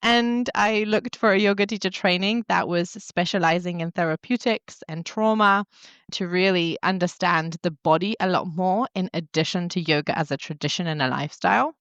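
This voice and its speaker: Answering an interviewer at a moderate pace, a wellness coach and yoga teacher in her thirties recounts personal experiences with reflective openness and occasional small laughs. Born in Poland and raised in England, she has a fairly bright voice on the low side. The sound is echo-free but dull.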